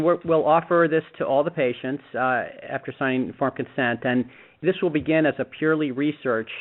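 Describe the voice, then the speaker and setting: A man speaking haltingly and in measured phrases as he explains research on a conference call over a speakerphone. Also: mid-range voice. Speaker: physician-researcher speaking for a cancer research collaboration. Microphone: conference call phone, speakerphone. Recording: narrowband conference phone line.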